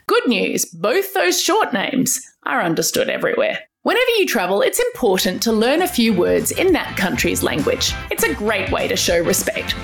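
An Australian woman hosts a children's show in a bright, upbeat, scripted explainer style. Her voice sits fairly high and moves a lot in pitch. A faint music bed plays under her. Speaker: kids' podcast host. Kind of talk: scripted educational narration for children.

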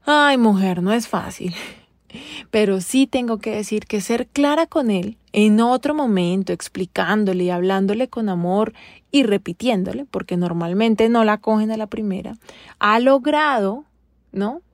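A woman's voice: medium pitch, unhurried, no room sound, studio quality. A woman in a casual monologue, venting to other women with rhetorical questions and wry exasperation. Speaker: vlogger addressing women.

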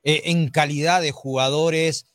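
A man, a former player working as a football pundit, speaking in a measured way and repeating short words as he thinks. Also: fairly high pitch, steady tone, fairly bright tone, dry recording. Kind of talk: studio sports panel discussion.

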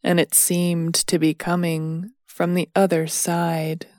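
Very slow sleep story narrator, a woman. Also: lowish voice, monotone, darkish tone, no echo, studio quality.

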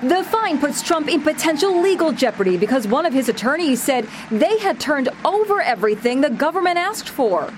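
A woman's voice: high voice, very animated, moderate pace, few pauses, slight background noise. An American woman narrating a scripted tabloid TV report in a punchy, wry manner. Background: music.

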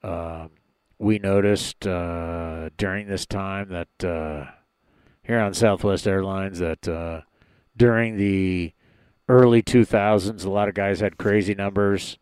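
A man putting on the voice of a male airline pilot giving a cabin announcement, slow and full of drawn-out "uh" pauses. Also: low-pitched, steady tone, a little mellow, clear, resonant tone, dry recording, pitched below the performer's own voice. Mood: deadpan announcing. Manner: slow, drawling announcer delivery with long "uh" pauses. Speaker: sports radio host. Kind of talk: comic bit in casual sports chat.

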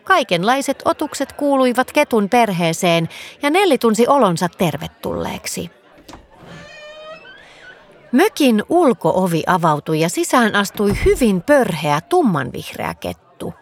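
Expressive woman reading a children's story. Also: mid-range voice.

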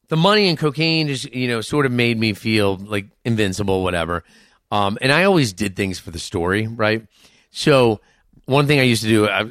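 A middle-aged man with a lowish voice tells his stories frankly and with self-mocking humor, cursing casually as he goes. The sound is close and dry, with no room around it. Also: fairly bright tone, no echo. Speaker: podcast guest, author. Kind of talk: candid conversational storytelling.

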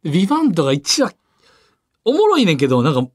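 A man with a Kansai accent chatting casually as a podcast co-host, telling stories excitedly. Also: fairly high pitch, fast, no echo, studio quality. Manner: animated, excitable storytelling. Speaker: comedy duo podcast co-host. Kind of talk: casual chat.

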